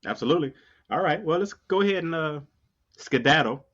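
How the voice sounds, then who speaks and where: A man's voice: on the high side, animated, fairly quick, crowd noise. Musing man on a dull lo-fi recording. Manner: musing, opinionated, talks in rhythmic repeats. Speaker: podcast co-host. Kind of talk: casual chat.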